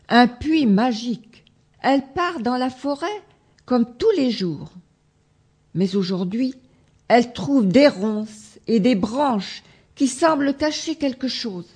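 A woman reads a children's fairy tale in a slow, gentle way. Her voice is slightly high and husky. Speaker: storyteller. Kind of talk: reading a children's tale aloud.

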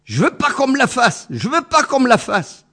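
A man doing a stubborn shouting gorilla. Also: high voice, sing-song, moderate pace, husky, voice pushed up, full character voice. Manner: shouting, childish insistence. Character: stubborn loud male gorilla patient.

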